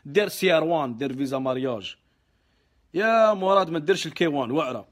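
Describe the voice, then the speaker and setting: A man's voice: fairly high pitch, lively intonation, fast. A man with an Algerian Arabic accent hosting a casual live question-and-answer stream. He mixes in French words, answers offhandedly and gets heated when he vents.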